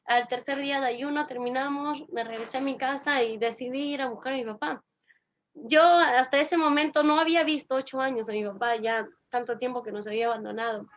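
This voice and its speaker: A woman's voice: high voice, fairly even intonation, fairly quick, muffled recording. A woman with a Peruvian accent giving an earnest religious personal testimony, repeating phrases for emphasis. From Peru.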